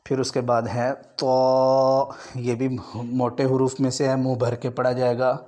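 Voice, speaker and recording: Male Quran tutor from Pakistan, monotone delivery, drawn-out letter sounds, brisk explanations. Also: mid-range voice. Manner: stretches out each letter sound slowly as a model, then explains at a brisk pace. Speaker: Quran reading teacher. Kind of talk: online lesson for beginners.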